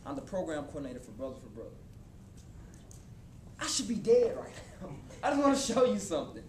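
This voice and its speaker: A man in his twenties giving a motivational talk to a live college audience, casual and animated, speaking straight to the crowd. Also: fairly high pitch, a little fast. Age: 20s. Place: college hall before an audience. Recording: echoey hall with room noise.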